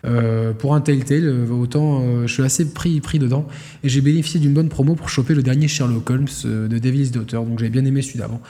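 A man's voice: medium pitch, fairly even intonation, a little fast, mellow, in a large hall. A man co-hosting a casual gaming podcast, rambling with many fillers and restarts. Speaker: podcast co-host.

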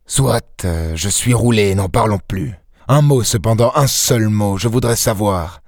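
A man's voice: lowish voice, unhurried, gravelly, a little mellow, dry recording, studio quality. A man doing a bitter, cornered safecracker. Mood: bitter, defeated. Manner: blunt, clipped, resentful. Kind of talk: audiobook character reading.

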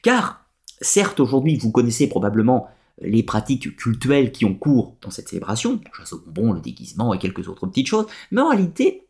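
A man's voice: mid-range voice, huge pitch swings, brisk, darkish tone. A man presenting a structured lecture, explaining step by step with frequent hesitations.

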